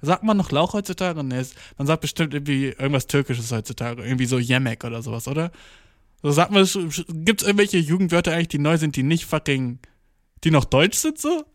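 A man's voice: on the high side, expressive, fairly quick, no room sound, studio quality. A young man in a casual monologue, talking slangy and swearing a lot, with English words mixed in. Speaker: vlogger.

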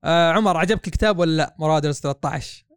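A man talks in a blunt, ranting way on a casual podcast. He rattles along very fast in a somewhat high voice. The room is dry and close. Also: clear, resonant tone, no room sound. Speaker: podcast co-host. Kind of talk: casual chat.

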